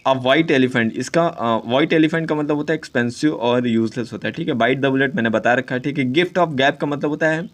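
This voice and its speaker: A man teaching exam idioms in casual Hindi mixed with English, often saying "ठीक है", reading English sentences out slowly and correcting himself as he goes. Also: mid-range voice. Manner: self-correcting, jokes with students.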